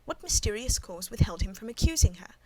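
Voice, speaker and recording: A woman narrating a classic novel in a measured, even reading voice, in the first person. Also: mid-range voice, rough recording. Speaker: audiobook narrator.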